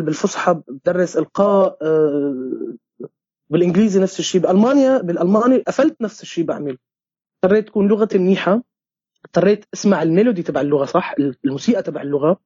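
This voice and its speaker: This theatre director and playwright from Homs has a high-pitched, darkish, slightly rough male voice and a Syrian Arabic accent. He answers questions haltingly, with many restarts and English words mixed in; there is no echo and the recording sounds dull and lo-fi.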